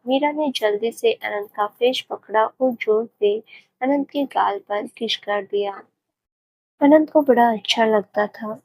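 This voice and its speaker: A woman narrating a romance story in a gentle, even storytelling manner. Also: on the high side, no room sound, rough recording.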